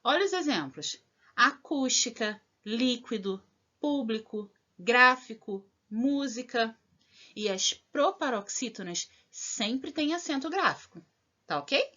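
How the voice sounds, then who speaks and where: A woman teaches a recorded lesson for children in a fairly high, very lively voice. She slows down to stress each example clearly and keeps checking in with her listeners. The recording is dull and lo-fi. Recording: dull lo-fi audio.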